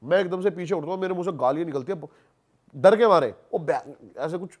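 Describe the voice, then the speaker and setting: The man's voice is a little high and fairly quick. Appearing on a podcast as a haunted-place investigator, he tells animated, casual stories in colloquial speech, repeating himself for emphasis and dropping in English words.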